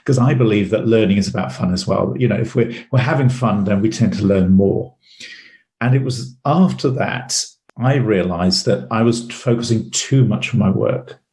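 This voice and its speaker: Man, middle-aged, lowish voice, anecdotal and rambling, interview guest. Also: normal speed, warm tone, reverberant. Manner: rambling anecdotal storyteller, repeats words. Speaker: guest, sales trainer. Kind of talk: casual interview storytelling.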